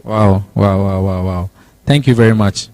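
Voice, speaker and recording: A man's voice: on the low side, steady tone, a little slow, a little mellow, no room sound, poor audio. A man with a Ghanaian accent hosting a church talk show, asking questions and repeating himself. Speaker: host.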